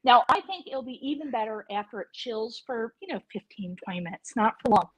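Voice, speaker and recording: Woman, chef, slightly high voice, chatty and playful, virtual cooking class, video call audio. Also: lively intonation, brisk, breathy edge, rough recording. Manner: chatty, playful, upbeat instruction.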